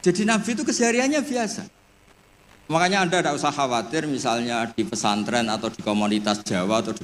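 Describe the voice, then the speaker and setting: A man preaches in an easy, joking storyteller's manner at an ordinary middle pitch. His voice carries a long hall reverb, with faint ambience behind it. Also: slight background noise. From Indonesia. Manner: relaxed storytelling with jokes. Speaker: Islamic preacher. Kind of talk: humorous religious lecture.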